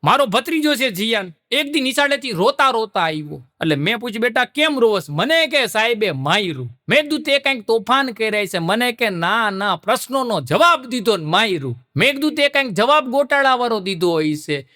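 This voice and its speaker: A man's voice: very high-pitched, sing-song, brisk, pushed and bright, no room sound, studio quality. A man from telling stand-up jokes, laughing as he tells them and breaking into bits of old songs. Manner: laughing storyteller who sings snatches of old songs. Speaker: stand-up comedian.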